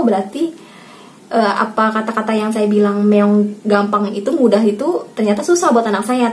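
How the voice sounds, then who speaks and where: A woman in her thirties speaks casually to camera as a parenting vlogger, with a somewhat high voice. She talks straight to her viewers and sometimes acts out how she speaks to her child. Faint background noise sits under the recording. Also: darkish tone. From Indonesia. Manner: chatty, addresses viewers as Mams, acts out talking to her child.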